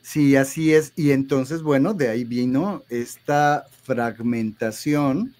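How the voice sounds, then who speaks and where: A man speaks as a guest therapist at an ordinary middle pitch. He explains at length, often restarting a phrase and closing points with tag questions. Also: slow, a little mellow. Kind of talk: explanatory interview talk.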